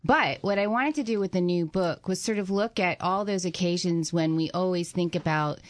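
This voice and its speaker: A woman's voice: lowish voice, moderate pace. A woman who writes cookbooks, answering interview questions in an easygoing way. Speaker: cookbook author guest. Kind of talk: casual radio interview.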